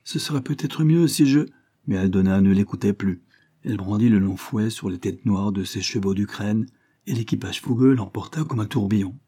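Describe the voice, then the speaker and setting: Husky, dark-voiced male narrator. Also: fairly low pitch, fairly even intonation, moderate pace. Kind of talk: audiobook narration.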